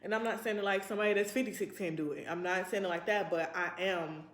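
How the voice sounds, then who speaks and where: Talking fast in a mid-range voice, this woman in her twenties rambles informally and reflectively to her vlog audience. It's a casual chat to camera, recorded with a roomy, echoey sound.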